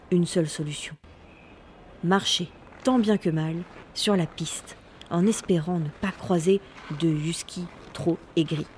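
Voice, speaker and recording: A woman narrating a Christmas storybook with lively, playful delivery and little sound words. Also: fairly low pitch, a little hiss or hum.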